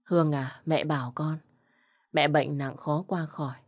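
A woman's voice: low voice, fairly even intonation, a little slow. Woman reading as a sorrowful young mother.

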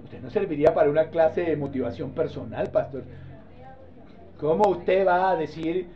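A male pastor voicing a skeptical churchgoer who teases him, in a mocking, gently chiding tone, captured on a dull lo-fi recording. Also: on the high side, normal speed, pitched below the performer's own voice, lightly acted. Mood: teasing.

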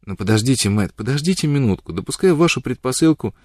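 A man voicing a proud, quick-witted young woman who answers with sharp, challenging retorts. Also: medium pitch, animated, dry recording, studio quality, voice pushed up, lightly acted. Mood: teasing.

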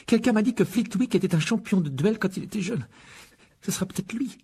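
A man voicing a clever, eager teenage schoolgirl witch in a high, earnest voice. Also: lively intonation, a little fast, mellow, breathy edge, heavily acted. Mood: curious.

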